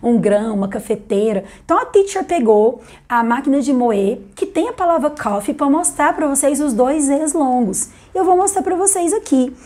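A woman from Brazil, an English teacher, chatting through a video lesson and slowly repeating English words for emphasis. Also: high-pitched, animated, a little mellow.

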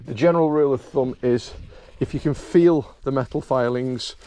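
Outdoors by a boat trailer among grassy dunes, a middle-aged mechanic from Wales walks through an outboard service in chatty, dry-humored vlog narration. His mellow mid-range voice keeps a moderate pace, captured by a head-mounted camera mic with noisy outdoor audio.

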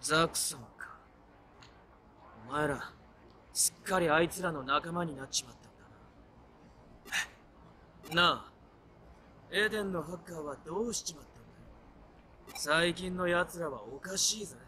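Young game hacker dude, higher sharp voice, cocky and rough-talking. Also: male voice, moderate pace, long pauses. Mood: critical. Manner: rough, informal, cocky speech. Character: brash, casual young male hacker. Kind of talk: video game voice acting.

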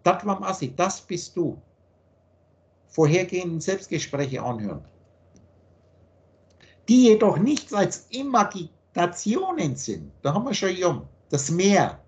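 A man giving an earnest philosophical teaching monologue on a video call, slowing down to stress key points. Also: high-pitched, big pitch swings, darkish tone. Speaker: spiritual teacher.

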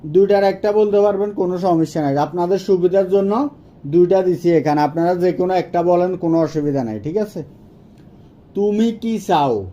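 A man teaching a language lesson, his voice high but deeply mellow. He takes his time and repeats every phrase carefully, and the recording sounds a little dull and lo-fi. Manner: repeats each phrase slowly and clearly. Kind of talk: Hindi lesson for Bengali speakers.

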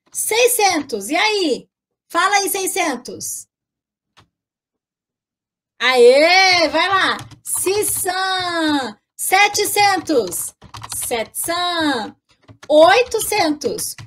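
A woman with a very high voice leads an online language lesson. She talks slowly and stretches out each example so it can be repeated. Her tone stays cheerful, and she keeps asking the group whether they are following. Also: fairly bright tone. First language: Portuguese. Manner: cheerful, checks in often with "tá bom, gente?"; slow, drawn-out modeling of numbers. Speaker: French teacher.

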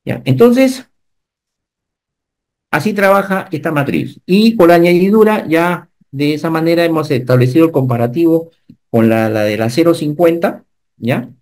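A man, giving an animated online safety lecture and often checking whether the class follows. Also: a little high, normal speed. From Peru. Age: 50s. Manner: animated teacher, asks the class checking questions. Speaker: occupational safety instructor.

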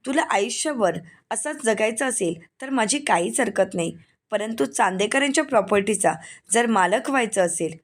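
A domineering middle-aged aunt plotting over family property, read by a woman narrator. She speaks in a commanding, scolding way, at a medium pitch, like a storybook recap. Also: lightly acted.

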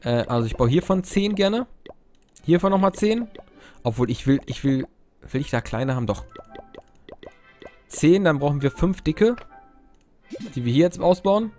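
A man's voice: a little high, darkish tone. A young man giving casual, rambling gameplay commentary, cracking crude jokes and interrupting himself. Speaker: Let's Play host.

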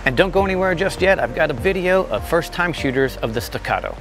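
A man's voice: on the high side, animated, fast talker. Chatty, enthusiastic male host in his 40s, outdoor range vlog with music bed. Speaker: channel host. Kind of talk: casual range vlog chat.

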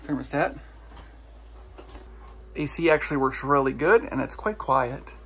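Very low voice chatting inside a small trailer. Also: female voice, animated, unhurried, fairly bright tone, a little hiss or hum. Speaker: camera operator. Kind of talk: casual off-camera remarks.

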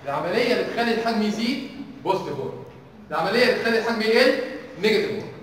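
With a crowd audible behind him, a young Egyptian man runs a university engineering tutorial in a large lecture hall, peppering the class with questions. His voice sits high and is expressive and rapid-fire, heard through a distant mic as echo from far away.

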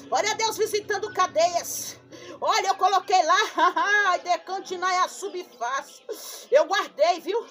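Very high-voiced woman praying fervently. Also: fairly bright tone. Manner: fervent, breaks into speaking in tongues; addresses listeners by name. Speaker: missionary. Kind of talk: prophetic prayer. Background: worship music.

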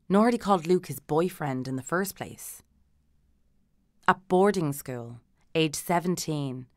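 A woman reading a literary novel aloud as an audiobook narrator, in a measured, dry manner with light character voices. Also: deep voice, no room sound.

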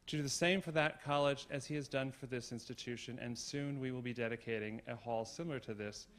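A middle-aged man, a university provost, giving a formal tribute speech in a concert hall, measured with gentle humor. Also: mid-range voice, fairly even intonation, noisy background.

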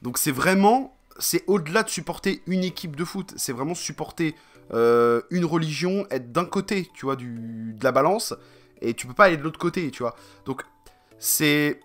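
Man, from France, casual vlog chat, rambling, slangy, lots of fillers, bright forceful voice. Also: on the high side, lively intonation, normal speed, faint music behind. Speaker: vlogger.

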